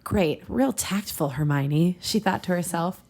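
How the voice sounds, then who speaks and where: Reading fan fiction on the podcast she co-hosts, a woman keeps the banter casual and giggly, laughing partway through the text. She speaks at a measured pace in a slightly mellow voice on the low side.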